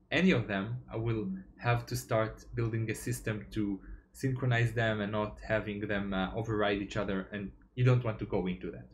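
A man's voice: mid-range voice, darkish tone. Young man, developer, tech talk presentation, methodical, filler-heavy, video call from home. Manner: plain, methodical explaining with frequent "uh" fillers. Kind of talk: explanatory presentation over slides.

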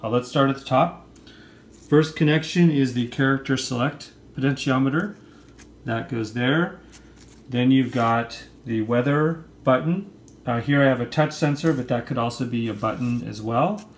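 At a table in an indoor room, a man with a mid-range voice talks at a normal speed while casually demonstrating a product by hand. His tutorial is informal and explanatory, and the recording sounds roomy with faint background noise.

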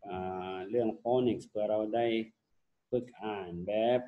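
A young man teaching children a phonics lesson, slowly sounding out letters and switching between Thai and English. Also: fairly low pitch, steady tone, slight background noise. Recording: dull lo-fi sound.

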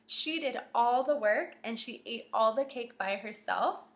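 Here the young teacher's voice sits a little high, with a gravelly texture and a sharp edge. She reads to the kids and quizzes them warmly, pronouncing every word with care, in an echoing home video shot in a small indoor room.

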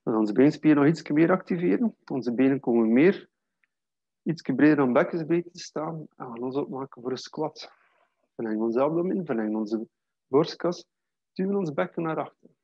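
Gravelly man guiding yoga. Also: a little high, normal speed, no echo, highs cut off. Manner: calm, steady cueing of breath and posture. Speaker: yoga teacher. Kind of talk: guided yoga class instruction.

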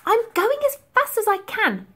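A woman voicing a brave young girl who cries out in high, breathless exclamations. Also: wildly swooping pitch, moderate pace, fairly bright tone, heavily acted. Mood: excited.

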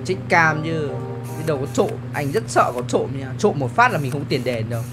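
Man, excitable gaming commentary, jokey, quick talker, pitch jumps around, game music behind. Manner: excitable, joking, talks to viewers. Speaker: gaming YouTuber. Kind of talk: casual let's-play commentary.

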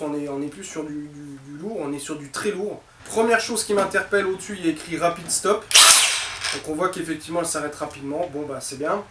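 In his cluttered home workshop, a thirty-something man with a voice on the high side casually unboxes new tools, chatting informally and calling viewers "les gars." The recording, made from a camera mic at a distance, is echoey with faint noise.

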